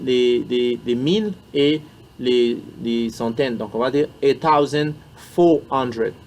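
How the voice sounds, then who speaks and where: A man teaching English in French, repeating English words and phrases slowly and with emphasis. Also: on the high side, darkish tone, slight background noise. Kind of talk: spoken English lesson in French.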